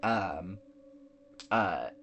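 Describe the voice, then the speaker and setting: A man's voice: sits low, expressive, drawn-out words, vocal fry, fairly bright tone, a little hiss or hum. A man co-hosting a podcast, casually recapping a movie plot with lots of fillers and restarts. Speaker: podcast co-host.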